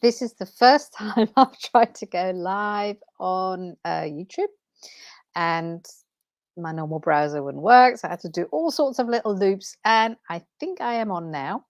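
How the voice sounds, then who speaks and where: On her first livestream, a Danish-accented transformation coach talks unscripted in a medium-pitched, lively voice, a little slow and slightly nervous. She's passionate, filling gaps with fillers and correcting herself as she goes. The sound is studio quality with no echo.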